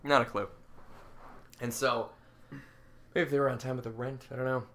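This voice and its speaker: Male co-host, bright voice, relaxed, agreeable listener who chimes in. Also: medium pitch, normal speed. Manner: easygoing, agreeing, mimics characters. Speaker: podcast co-host. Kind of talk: casual chat.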